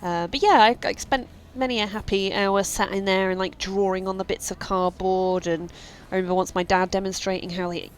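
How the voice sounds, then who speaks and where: A woman's voice: medium pitch, steady tone, fairly quick, hardly any pauses, a little hiss or hum, low-quality recording. A woman rambling casually while streaming a game, full of fillers and asides. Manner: rambling, chatty, many fillers. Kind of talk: casual let's-play chat.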